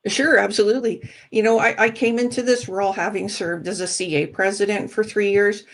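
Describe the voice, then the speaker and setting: A woman's voice: medium pitch, steady tone, fairly quick, a bit bright. A middle-aged woman from Alberta, speaking earnestly as a candidate in a casual interview, with frequent ums and restarts. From Alberta, Canada. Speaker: political candidate guest.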